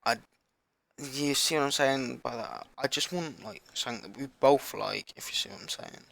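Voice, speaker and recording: A man with a sore throat hosting a gaming channel, rambling and apologetic as he haltingly reads a list in a casual announcement vlog. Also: medium pitch, expressive, gravelly, fairly bright tone.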